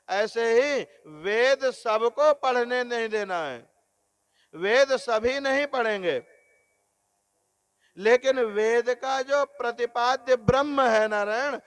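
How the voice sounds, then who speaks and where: A man giving a devotional sermon on scripture, explaining slowly, repeating phrases and often addressing listeners as Narayan. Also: extremely high pitch, a bit bright, smooth, no echo. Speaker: religious discourse speaker.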